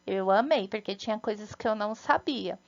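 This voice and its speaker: A woman's voice: mid-range voice, moderate pace, gravelly, dull audio. A Brazilian woman, a first-grade teacher, gives a recorded lesson to young children in a patient, sing-song way, often checking in with "né?" and "tá?". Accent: Brazilian Portuguese.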